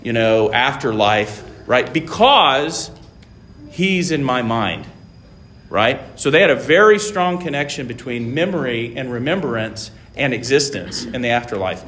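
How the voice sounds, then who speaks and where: A man who grew up in Taiwan giving an informal classroom lecture, halting, with many fillers and restarts, often checking in with "right?". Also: mid-range voice, animated, a bit bright.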